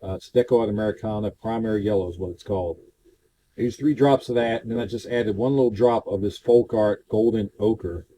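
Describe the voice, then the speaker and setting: A man casually narrating his scale model painting, talking in a relaxed, rambling way with many fillers. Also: on the low side, a little fast, a little hiss or hum. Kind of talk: casual hobby tutorial narration.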